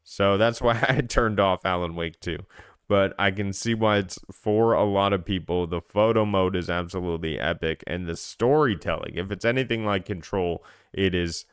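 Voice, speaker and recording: A man's voice: deep voice, moderate pace, clean tone. A man co-hosting a casual gaming podcast, chatty and self-deprecating, rambling with fillers. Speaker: podcast co-host.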